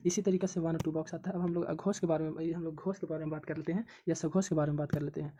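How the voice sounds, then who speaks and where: A woman's voice: low voice, fairly even intonation, rapid-fire, warm tone, highs cut off, slight background noise. A woman teaching an exam coaching lesson, repeating syllables and terms over and over as she drills them. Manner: repetitive, drills syllables aloud.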